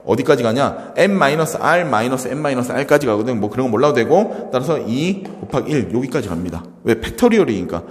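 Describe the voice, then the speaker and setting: Lively Korean math teacher, roomy echo. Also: male voice, mid-range voice, a little fast, few pauses, a little hiss or hum. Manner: animated, asks and answers his own questions. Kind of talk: classroom math lecture.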